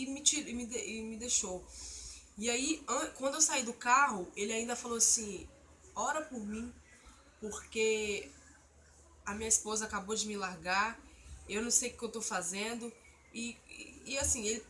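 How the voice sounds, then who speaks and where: A woman's voice: on the high side, pushed and bright, a little hiss or hum. A woman earnestly telling a personal religious testimony, recounting a frightening experience in an emotional storytelling manner. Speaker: testimony speaker.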